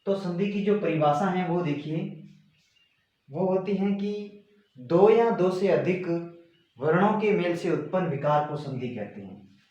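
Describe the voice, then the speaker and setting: A male teacher giving a grammar lesson, slowly repeating and stressing key words. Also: sits high, expressive, dark tone, lo-fi sound. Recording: very echoey room.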